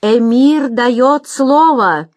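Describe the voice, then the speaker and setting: A woman voicing a bold, defiant male hero in a storybook reading, speaking in loud, ringing proclamations. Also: fairly high pitch, lively intonation, extremely slow, dry recording, studio quality, pitched above the performer's own voice. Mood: declaiming.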